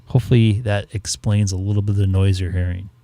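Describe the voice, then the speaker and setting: Man, low voice, casual livestream host, ham radio operator, halting explanatory talk. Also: fairly even intonation, very noisy. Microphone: studio microphone through mixer.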